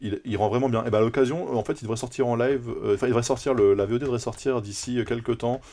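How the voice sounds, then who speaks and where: A man's voice: medium pitch, steady tone, very fast, warm tone. A man streaming a video game, chatting casually and rambling with many fillers and restarts. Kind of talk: casual live gameplay commentary.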